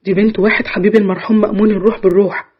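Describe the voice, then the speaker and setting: A woman voicing a gossipy, eager middle-aged male shopkeeper with an Egyptian accent, speaking in a lowered, confiding tone. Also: level tone, rapid-fire, husky, highs cut off.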